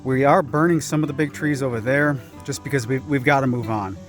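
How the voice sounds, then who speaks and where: A man talks to his handheld camera out in a cleared patch of woods, chatty and a little self-deprecating. His pitch sits in an ordinary middle range. Faint guitar music plays softly behind him. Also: a little fast. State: slightly out of breath. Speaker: vlogger working his land. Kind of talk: casual vlog talk to camera. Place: outdoors on a wooded clearing.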